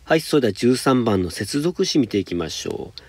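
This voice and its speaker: A man teaching high school English, patiently explaining homework step by step and reading example sentences slowly. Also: very animated, darkish tone, husky. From Japan.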